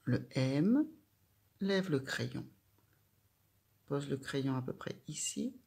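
A woman's voice: extremely low pitch, lively intonation, takes it slowly, vocal fry, warm tone. A woman teaching a child handwriting, giving patient step-by-step instructions.

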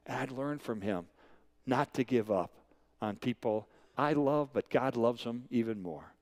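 A man in his sixties, preaching as a guest, recounts stories with animated delivery and emphatic repetition. His mid-range voice moves at a slightly slow pace.

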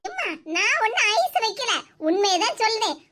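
Brief: a cheeky, greedy cartoon daughter with a Tirunelveli Tamil accent, teasing and coaxing, pitched very high over heavy noise. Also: big pitch swings, moderate pace. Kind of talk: cartoon voice acting. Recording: loud background noise.

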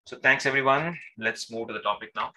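A man's voice: medium pitch, fairly quick, background noise. A man teaching an informal, interactive online lesson, often saying sir and checking in with short questions. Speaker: instructor. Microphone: video call microphone.

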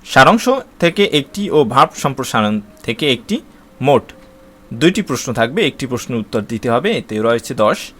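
A Bangladeshi-accented man talks students through an exam syllabus at an average pitch. He moves item by item through long lists and fills the gaps with "uh" while he restarts words. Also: big pitch swings, normal speed, a bit bright. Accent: Bangladeshi Bengali. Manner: reads out lists steadily, with frequent "uh" fillers and restarts. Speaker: teacher explaining an exam syllabus. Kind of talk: spoken lesson to students.

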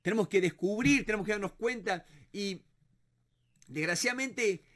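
A middle-aged negotiation instructor with a Rioplatense Spanish accent delivers a casual teaching monologue at a moderate pace. His voice is high and lively, and he repeats words while thinking aloud.

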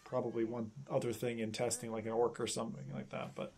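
A middle-aged man with a creaky voice, casually explaining things in conversation as a streamer hosting a gaming chat. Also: mid-range voice, level tone, quick pace, a little mellow. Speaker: streamer and host. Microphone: binaural recorder, seated in headset.

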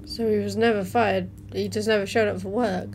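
Fairly quick and steady, her medium-pitched voice has a darkish tone. The young adult woman hosts a reaction video indoors in a small room at home, reading captions and casually chiming in between them, with noticeable background noise in the recording.

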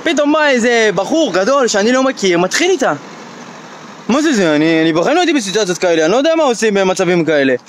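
Very high-voiced man telling a comic story. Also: a little hiss or hum. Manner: excitable storytelling, mock-panicked outbursts. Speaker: comedian. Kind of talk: comic monologue.

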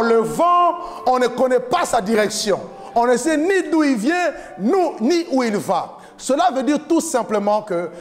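High, gravelly man shouting a sermon. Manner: impassioned preaching, often shouting, chanting cadence. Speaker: pastor. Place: large church hall with a stage, indoors. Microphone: handheld mic.

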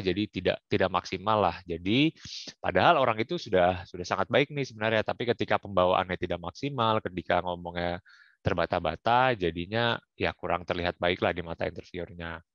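Man, young adult, very low voice, dry muffled lo-fi sound, casual career advice. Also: a bit bright, no room sound. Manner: casual, with frequent fillers and English career terms. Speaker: guest speaker. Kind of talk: online career talk.

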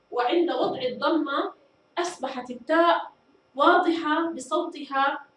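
A woman teaching a fifth-grade language lesson, explaining slowly and deliberately, repeating and drawing out words, and praising her pupils. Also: sits high. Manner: addresses pupils warmly, praises them. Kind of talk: recorded classroom lesson. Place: echoey school studio room. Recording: very echoey room, voice far from mic, faint noise.

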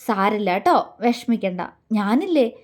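A woman's voice: high voice, moderate pace, lightly acted. Protective young man, as a woman reads him. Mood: stern, tender. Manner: gruff commands softening into gentle coaxing. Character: stern but tender young man, protective.

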